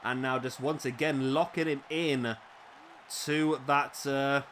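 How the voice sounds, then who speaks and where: A man with a slightly raspy voice, commentating a wrestling video game play-by-play, excitable at big moves and chatty in asides. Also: mid-range voice, slow, slight background noise.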